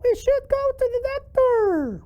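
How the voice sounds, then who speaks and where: A man voicing Charlie, an excitable cheeky young boy puppet who blurts out silly answers in a squeaky voice. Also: measured pace, muffled recording, exaggerated voice.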